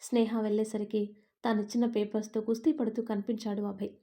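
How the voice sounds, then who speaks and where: A woman reading a romantic story aloud as narrator, calm and even. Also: mid-range voice, a little fast.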